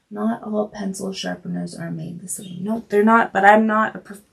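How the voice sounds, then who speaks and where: A woman's voice: mid-range voice, gravelly, very noisy. A woman with a cold teaching a live drawing lesson, chatty and apologetic, with many fillers. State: has a cold, coughing. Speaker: art instructor. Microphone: livestream setup.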